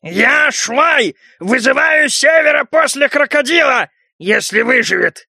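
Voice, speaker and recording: A man voicing a big pig-snouted male mutant brute who shouts roughly. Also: extremely high pitch, animated, measured pace, no room sound, studio quality, voice pushed up, exaggerated voice. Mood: rough bluster.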